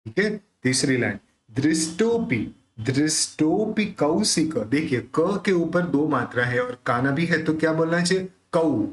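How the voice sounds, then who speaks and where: A man with a Hindi accent teaching the pronunciation of devotional verses, explaining each sound and then reciting the lines in a slow, measured chant. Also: on the high side, animated. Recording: echoey room.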